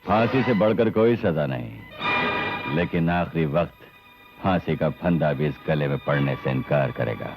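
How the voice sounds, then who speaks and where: A weary, defiant prisoner with a very low, grave voice. He speaks over clear film music on a dull old soundtrack. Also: animated, normal speed. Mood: bitter. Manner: grave, resigned. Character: bitter captured gunmaker, weary and defiant. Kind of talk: 1980s Hindi film dialogue.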